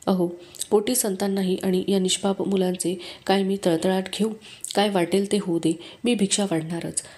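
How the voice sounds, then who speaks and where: A woman's voice: mid-range voice, flat delivery, moderate pace, a little mellow, natural voice. A woman doing an earnest, kind housewife. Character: kind, childless housewife, tender and firm.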